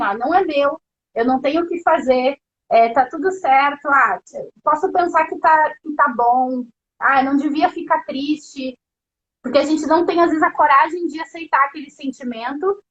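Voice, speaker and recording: A woman's voice: high-pitched, fairly bright tone, dull audio. A woman therapist hosting a casual live stream, talking straight to her viewers with lots of fillers. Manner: conversational, addresses viewers directly, many fillers. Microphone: phone or laptop mic on a live stream.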